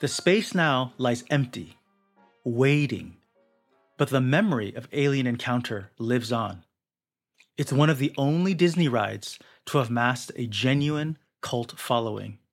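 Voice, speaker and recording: A young man narrates a feature article as scripted documentary narration, telling it with dramatic storytelling flair over a music bed. His voice is medium-pitched with lively intonation, and he speaks unhurriedly.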